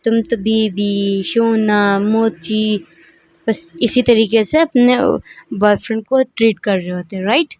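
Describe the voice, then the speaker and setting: A woman's voice: mid-range voice, fairly even intonation, a little mellow, close to an everyday voice. Woman doing a nagging, scolding mother. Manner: nagging, sarcastic, quick-tempered. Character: strict scolding mother of a grown son.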